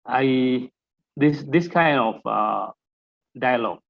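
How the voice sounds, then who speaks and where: A man from Malaysia, giving closing remarks at an online panel in a halting way with many filler pauses. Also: mid-range voice, gravelly. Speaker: steering committee representative. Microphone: video call. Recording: lo-fi muffled call audio.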